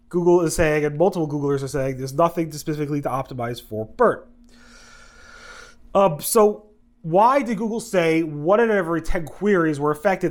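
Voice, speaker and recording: In a casual video news roundup, the host, a congested man fighting a head cold, speaks in a slightly high voice. His delivery wanders, with frequent self-corrections and brief side remarks.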